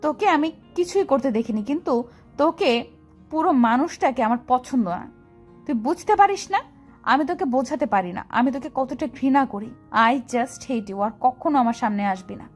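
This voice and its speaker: A woman's voice: high voice, expressive, normal speed, soft background music. A woman voicing an angry young woman who harshly scolds and rejects the man pursuing her, in an audio love story. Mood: angry scorn.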